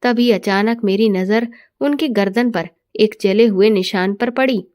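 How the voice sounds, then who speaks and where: A woman narrating a first-person family story in a steady, expressive storytelling manner. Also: mid-range voice, a little slow.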